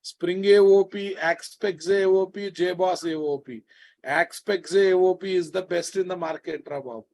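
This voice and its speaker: This live programming lecture comes from a man with a Telugu Indian accent whose voice is high-pitched and darkish, with a measured pace. He repeats phrases often and checks on students through prodding questions, using a familiar, scolding address.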